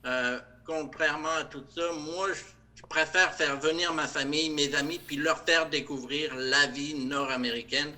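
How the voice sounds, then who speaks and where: A middle-aged man from France with a French accent softened toward Québécois, answering interview questions in a hesitant way, with many fillers and restarts. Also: a little high, fairly even intonation, moderate pace. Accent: light French accent, partly Québécois. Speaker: interview guest, production director. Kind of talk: casual interview.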